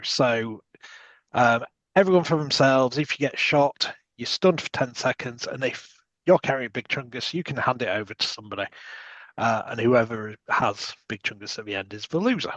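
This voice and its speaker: A British man hosts a relaxed podcast, rambling through his explanations with frequent ums. His mic sounds a bit dull and lo-fi. The room is dry, with no echo. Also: mid-range voice, normal speed. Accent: British English. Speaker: podcast host. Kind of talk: casual chat.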